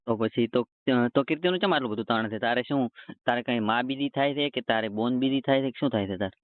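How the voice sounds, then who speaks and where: A roast video creator takes a call and gets into a heated argument, talking fast in a mid-range voice. He's colloquial, stubborn and confrontational, and the dry recording sounds like a tinny phone line.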